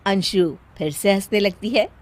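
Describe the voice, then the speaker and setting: A woman narrating a cartoon story in a calm, even storytelling manner. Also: medium pitch, slight background noise.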